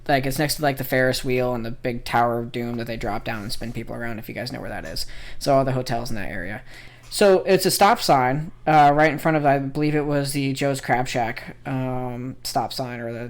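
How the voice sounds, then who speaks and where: A young adult man co-hosting a podcast, telling rambling stories in casual chat with lots of fillers. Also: mid-range voice. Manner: rambling storyteller with many fillers. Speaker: podcast co-host.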